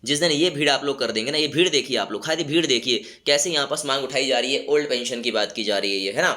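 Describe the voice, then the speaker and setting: A man's voice: mid-range voice, fast, bright, forceful tone. A man with a sore throat and a cold, hosting his channel and urging viewers with rhetorical questions. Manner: rallying, exhorting, rhetorical questions. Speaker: YouTube channel host. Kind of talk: motivational commentary to viewers.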